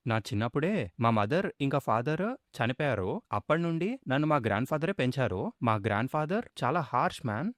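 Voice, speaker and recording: A man's voice: fairly high pitch, no room sound, studio quality. A man retelling the scenes of a manga as a story, voicing the quoted lines in passing. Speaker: manga explainer.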